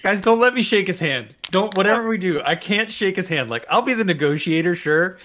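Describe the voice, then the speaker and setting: Guy player in a tabletop game, voice a bit high, casual, polite hesitant explaining. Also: animated, fairly quick, pushed and bright. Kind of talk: casual in-character game chat.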